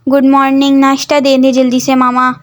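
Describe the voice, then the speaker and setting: A woman reading the part of a teasing young male student in a homemade audio story, pestering and cheeky. His voice stays high and light, as the narrator keeps close to her own voice. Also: monotone, moderate pace, close to an everyday voice.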